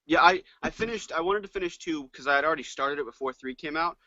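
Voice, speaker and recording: A man's voice: fairly high pitch, fast, pushed and bright, dry recording. A man chatting easily on a podcast about his gaming. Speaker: podcast guest. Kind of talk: casual chat. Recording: dull lo-fi recording.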